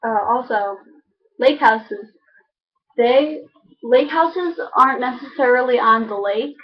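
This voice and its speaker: Casting: young woman, Chicago accent, fairly high voice, casual rambling vlogger delivery, dull lo-fi recording. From Chicago suburbs, United States. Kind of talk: casual chat to camera. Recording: dull lo-fi microphone.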